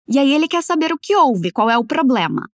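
Uma mulher dando aula de inglês em português, falando devagar e articulando as frases com cuidado para o aluno repetir. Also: female voice, high voice, sing-song, no echo, studio quality. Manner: slow, careful over-articulated model phrases. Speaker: English teacher. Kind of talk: language lesson, repeat-after-me drills.

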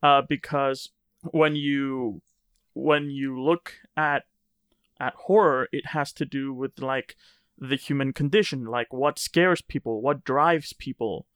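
A man's voice: medium pitch, steady tone, takes it slowly, a bit bright, clear, resonant tone, no echo, clean studio sound. A man talking casually in conversation, musing at length with many fillers. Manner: rambling, filler-heavy, reflective. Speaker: conversation guest.

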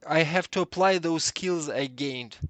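A Russian man with a fairly high voice and a close, dry sound. He talks casually but earnestly, with a Russian accent and emphatic, halting non-native phrasing, as a guest in a conversation. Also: fairly bright tone, no room sound. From southern Russia. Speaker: interview guest, 3D artist.

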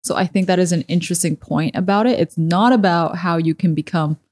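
A woman with a somewhat low voice co-hosts a podcast. She talks in a relaxed, conversational way from a kitchen table at home and rattles off the show intro quickly. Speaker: podcast co-host. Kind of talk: casual chat. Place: kitchen table in a living room.

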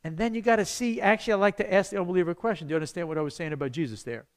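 A high-voiced pastor speaks very fast in a conversational evangelism class for his church, with abrupt loud outbursts along the way.

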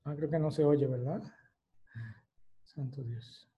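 Speaking slowly and steadily in a slightly high voice, a Mexican-accented man delivers an online lecture over a muffled recording. He walks through ideas one step at a time, often adding fillers and rhetorical tags.

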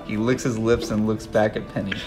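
A man's voice: fairly low pitch, flat delivery, fairly quick, music in the background. Laughing man reading stage directions. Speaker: podcast host. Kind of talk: reading a script aloud, then casual chat.

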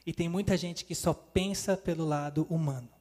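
A man's voice: on the high side, steady tone, moderate pace, darkish tone. A man preaching a sermon, calling listeners "dear ones" and acting out God's words in quotes. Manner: addresses listeners as "queridos", acts out God's voice in quotes. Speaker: evangelist preacher. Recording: long hall reverb.

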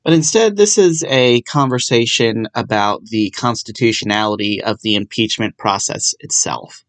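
A man's voice: on the low side, moderate pace, a bit bright. A young man in law school hosting his own solo podcast, talking through a legal topic in a casual, self-deprecating way with dry sarcasm. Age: young adult. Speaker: podcast host.

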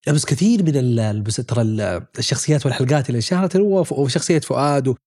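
A man's voice: medium pitch, lively intonation, very fast, warm tone, no echo, studio quality. A man hosting a podcast, chatting casually and putting questions and counterpoints to his guest. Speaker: podcast host. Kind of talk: casual chat.

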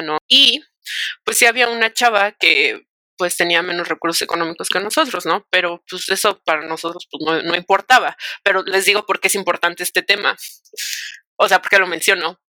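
A young Mexican woman talking in a bright, forceful voice, animated and slangy, with English words dropped in. The recording is close and dry, with no room sound. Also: on the low side, dry recording. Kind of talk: casual chat, storytelling.

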